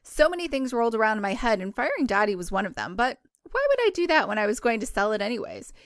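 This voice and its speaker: As a book club host, a woman with a fairly high voice casually reads aloud from a first-person novel, adding chatty asides. She's very animated and fast, with small stumbles she corrects as she goes. The recording is very dry, with no room echo.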